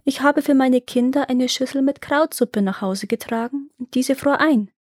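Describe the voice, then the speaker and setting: A woman doing a poor, desperate peasant father who pleads in a higher, plaintive tone. It is fairy-tale narration with a dry, close sound. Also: moderate pace, darkish tone, no echo.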